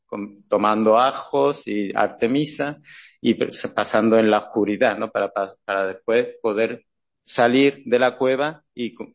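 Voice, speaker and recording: A man giving a classroom lecture over slides, talking haltingly with many restarts and checking questions to the audience. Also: medium pitch, dull audio.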